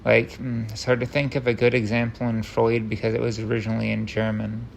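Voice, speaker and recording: A man's voice: medium pitch, completely flat delivery, fairly quick, creaky, slight background noise. A man rambling through an unscripted, tangent-prone rant, stopping and restarting himself, with wry self-deprecating humor.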